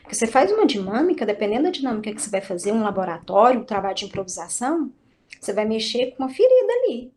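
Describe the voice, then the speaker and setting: A woman's voice: fairly high pitch, sing-song, rapid-fire, a little mellow. A woman from Brazil, a dance teacher, chatting casually and animatedly about her work, acting out quoted dialogue with frequent restarts. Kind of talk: casual chat.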